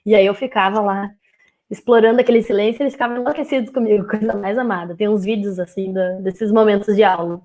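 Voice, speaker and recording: A woman's voice: medium pitch, fast talker. A young woman, a music teacher chatting casually in a live stream, now and then singing short playful bits of children's songs. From southern Brazil. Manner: lively, sings short playful phrases to show children's songs. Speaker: music teacher and speech therapist guest.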